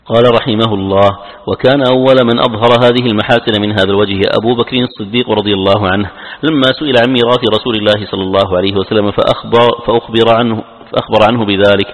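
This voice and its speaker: Fast male reader in a reverberant hall. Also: on the low side. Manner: reads quickly, slows on quoted verses. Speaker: student reading the text aloud. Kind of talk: formal reading of a classical text. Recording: dull lo-fi sound with long reverb.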